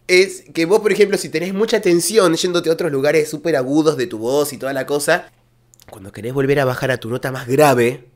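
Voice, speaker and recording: A man with an Argentine accent, a baritone vocal coach, chatting excitedly to viewers as he reacts to and analyzes a singing performance. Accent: Argentine Spanish.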